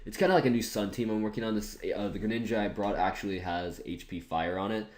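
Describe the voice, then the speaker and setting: A man's voice: on the low side, quick pace. A man giving casual commentary over an online game battle, thinking aloud in a chatty, self-mocking way. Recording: roomy echoey room.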